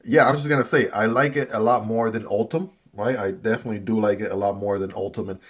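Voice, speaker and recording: A husky, lowish male voice talks fast with a steady tone. He is a native Chinese speaker doing a casual, chatty knife unboxing and review, constantly tossing in "right?" and "I gotta tell you."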